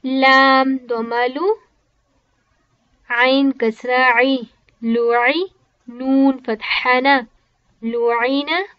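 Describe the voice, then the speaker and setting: A woman's voice: sits high, fairly even intonation, slow, long pauses, muffled recording. A woman teaching Quran reading, spelling out each letter and vowel sign and then joining the syllables, with short explanations in simple English. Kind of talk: slow spelled-out recitation lesson.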